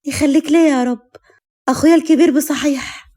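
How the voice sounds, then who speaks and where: Woman doing a high, bubbly Egyptian bride-to-be, coy and sulky-teasing, audio story. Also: fairly even intonation, fast talker, warm tone, lightly acted. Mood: playful. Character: playful young woman, spoiled bride-to-be.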